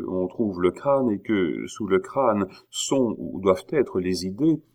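A man reading a historical novel aloud in a measured way, with occasional hesitations. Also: fairly low pitch, a little mellow. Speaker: audiobook reader.

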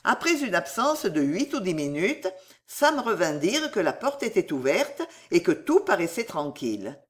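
A woman narrating a classic novel aloud in a measured, expressive storytelling voice. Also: on the low side. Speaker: audiobook reader.

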